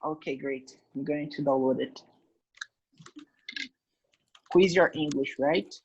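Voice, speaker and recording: A woman's voice: sits low, slow, darkish tone, husky, highs cut off. A woman casually moderating an online group live stream as its host. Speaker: meeting host.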